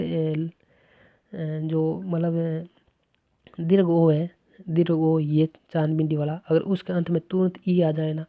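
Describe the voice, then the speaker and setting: Lesson teacher, methodical explainer, flat delivery, thin phone-quality sound. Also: mid-range voice, no room sound. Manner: explains step by step with repeated "है ना" checks. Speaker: English teacher. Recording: dry, tinny phone-like recording.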